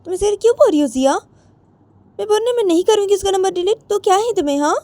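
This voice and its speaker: A woman's voice: very high voice, lively intonation, fast, dark tone, no echo, pitched above the performer's own voice. Woman playing a stubborn quarrelsome mother. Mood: stubborn defiant. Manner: defiant, repeating refusals.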